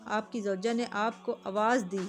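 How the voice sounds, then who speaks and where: A woman's voice: mid-range voice, fairly even intonation. Earnest woman narrating a religious story. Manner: earnest, addresses viewers directly. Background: faint music.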